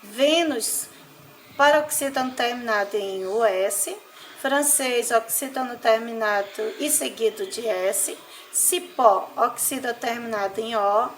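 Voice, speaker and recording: A Brazilian woman teaching a primary school class, dictating words one by one and explaining slowly and deliberately. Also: on the high side, a bit bright, a little hiss or hum, poor audio. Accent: Brazilian Portuguese. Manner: slow, deliberate word-by-word dictation. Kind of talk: recorded class lesson.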